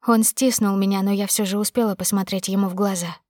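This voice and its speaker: A woman's voice: mid-range voice, steady tone, quick pace, darkish tone, no echo, clean studio sound. Woman narrating a tense audiobook. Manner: tense, emotional storytelling. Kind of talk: first-person dramatic audiobook narration.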